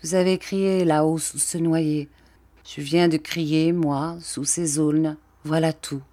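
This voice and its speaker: A woman's voice: low voice, steady tone, slow, mellow. A woman voicing a passionate young man in love, in an audiobook reading. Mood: resigned.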